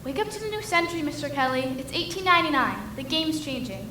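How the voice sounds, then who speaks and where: A young woman on a school stage playing an ambitious young reporter who talks briskly and persuasively. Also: high voice, lively intonation, sharp tone. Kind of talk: school stage musical acting. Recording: echoey hall, faint noise.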